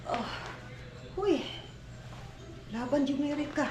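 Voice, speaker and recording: A woman's voice: expressive, takes it slowly, background noise. A woman chatting casually to her viewers in a home vlog, calling them "day" and "Inday" and now and then cheering at her toddler. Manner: chatty, frequent "day" and "mga Inday" asides; coos and cheers at her toddler in high bursts. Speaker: vlogger. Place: snowbound house, indoors and at the door.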